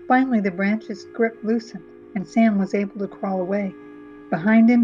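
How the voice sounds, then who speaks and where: A woman's voice: mid-range voice, darkish tone. Woman reading a spooky children's story. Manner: dramatic read-aloud with sound-effect words. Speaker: narrator. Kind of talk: storybook read-aloud narration. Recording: dull, muffled reading recording.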